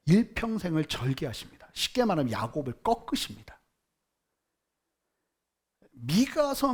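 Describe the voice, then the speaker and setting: A male pastor preaching a sermon with emphatic swings between quiet murmurs and loud outbursts, leading the congregation in reading scripture aloud. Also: a little high, slightly rough. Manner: leads the congregation in unison Bible reading.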